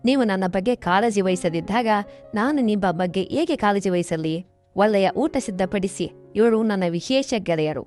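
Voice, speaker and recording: A woman voicing a sly, sulky teenage younger brother in a read-aloud story, in a plain, even reading with faint music behind. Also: mid-range voice, normal speed, lightly acted.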